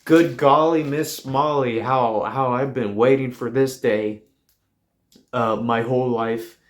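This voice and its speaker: A man's voice: mid-range voice, steady tone, slow pace, lightly acted. A man voicing an adult woman, a swooning wife who gushes with delight.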